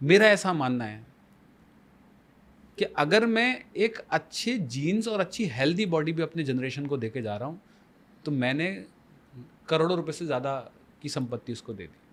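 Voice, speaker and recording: A man's voice: a little high, very animated, normal speed, fairly bright tone. A man as the guest life coach on a podcast, explaining emphatically with rhetorical questions and mixing Hindi with English phrases. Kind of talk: podcast conversation.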